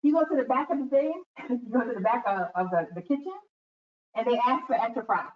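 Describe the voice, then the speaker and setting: A woman's voice: on the high side, brisk. A woman giving a talk to students, telling stories and acting out quotes as she goes. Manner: animated storytelling with acted-out quotes. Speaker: guest speaker. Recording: echoey room, distant mic, dull sound.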